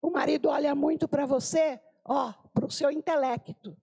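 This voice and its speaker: At a women's gathering, an older Brazilian woman with a high-sitting, creaky voice preaches informally at normal speed. Her anecdotes come alive as she exclaims and acts out the people she quotes.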